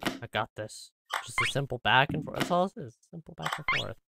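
Male let's-play host, lively swooping delivery, slow and stammering, noise under the voice. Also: mid-range voice, vocal fry. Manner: bewildered, stammering exclamations. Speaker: gaming commentator.

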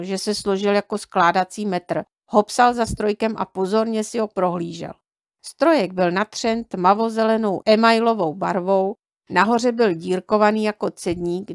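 A woman reading a children's book aloud in a calm, measured way. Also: medium pitch, no echo, studio quality. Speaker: audiobook reader.

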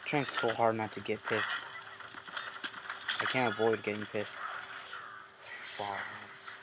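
A man's voice: lowish voice, level tone, normal speed, heavy background noise. A young man commenting on his gameplay, muttering in frustration and breaking into sudden outbursts. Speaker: gamer.

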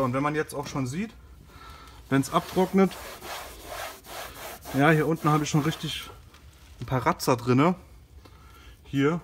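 In a garage, around and inside a car, a man with a voice on the high side hosts a casual car care product demo. He stays informal and a bit hesitant while working, and there's slight background noise.

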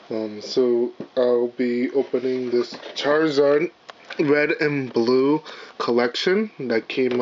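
A man's mid-range, darkish voice comes through scratchy and hoarse, partly lost, as he casually opens card packs for his channel, apologizing and using plenty of fillers. He's at a table inside, the camera pointed at the cards. The home recording sounds dull and lo-fi, with a faint hiss.

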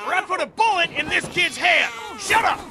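An actor playing a furious, threatening middle-aged survivor in a video game, barking aggressively. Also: male voice, very high-pitched, animated, normal speed, noisy background. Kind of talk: dramatic video game acting.

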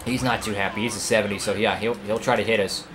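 A man commentating live over his own racing game career run, excitable and prone to sudden outbursts at other drivers and his car. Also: lowish voice, quick pace, background noise. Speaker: gaming YouTuber.

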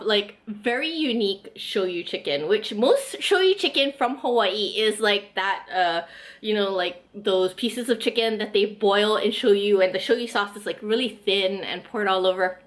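A food vlogger in her thirties, with a mid-range voice and an unhurried pace, chats enthusiastically while tasting and reviewing food. She sits at a table in a small indoor room, using lots of casual fillers.

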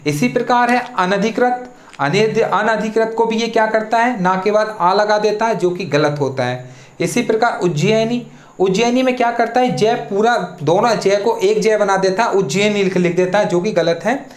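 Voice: medium pitch, normal speed. A teacher giving an exam-prep spelling lesson, who asks questions and then answers them, and spells words out syllable by syllable. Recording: echoey room.

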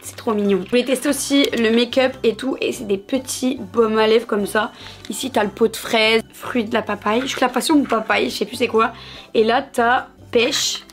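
A woman's voice: fairly high pitch, fairly even intonation, normal speed. A woman in her thirties chatting in a bubbly way through a shopping haul video, talking straight to her viewers. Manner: bubbly, chatty, calls viewers "mes amours". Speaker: haul vlogger. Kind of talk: casual haul video chat.

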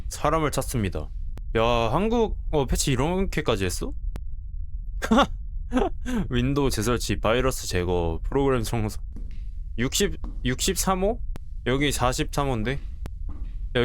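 A young man narrating a horror game as he plays, joking and swearing, and yelling when he gets startled. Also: medium pitch, slight background noise. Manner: jumpy, swears and yells when startled, jokey asides. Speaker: gameplay streamer. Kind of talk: horror game let's play commentary.

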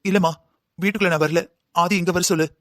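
A man's voice: high voice, fairly even intonation, quick pace, a bit bright, dry recording, studio quality, voice pushed down. A man voicing an earnest pleading cartoon husband. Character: young husband, pleading and lovesick. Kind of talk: cartoon drama voice acting.

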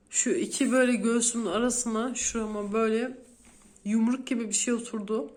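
A woman in her thirties, a vlogger speaking straight to her viewers as she retells a frightening day in detail. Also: on the high side. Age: 30s. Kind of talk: emotional storytelling to viewers.

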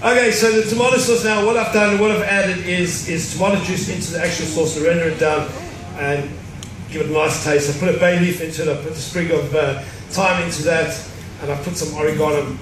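This middle-aged man is a cruise ship chef doing a live cooking demonstration for an audience on the show stage. His pitch is fairly high, his intonation fairly even and his delivery brisk as he explains each recipe step with deadpan jokes; the sound is echoey and noisy, picked up by a distant mic.

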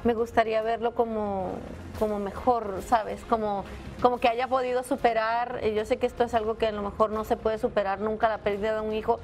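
A woman's voice: on the high side, little pitch movement, fairly quick, a little mellow, soft background music, low-quality recording. A woman hosting a TV show, commenting conversationally in a studio. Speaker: TV show host.

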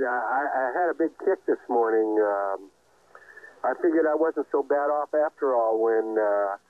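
A man checking in on a ham radio net, his voice squeezed into a thin, tinny radio band with no room around it. He talks in a relaxed, self-deprecating way, chuckling at his own slips. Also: medium pitch, no echo. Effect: heard over an amateur radio link. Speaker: amateur radio operator checking in. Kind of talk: casual radio net chat. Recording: tinny narrow-band radio audio, dry.

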